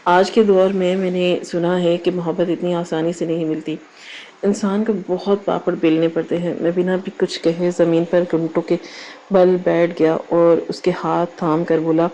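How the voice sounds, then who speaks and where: Mellow-voiced woman storyteller. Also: lowish voice, level tone, a little hiss or hum, poor audio. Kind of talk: scripted story narration.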